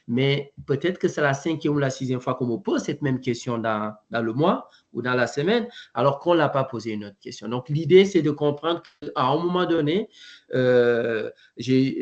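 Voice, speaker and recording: A man giving an online presentation to educators, halting often with fillers and restarts. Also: medium pitch, a little mellow, muffled recording. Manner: hesitant, frequent fillers and restarts.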